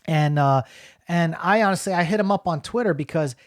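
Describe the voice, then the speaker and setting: A man's voice: fairly high pitch, fairly quick, no room sound, studio quality. Rambling man reviewing a film. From New Jersey. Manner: rambling, lots of fillers and restarts. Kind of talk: casual spoken review.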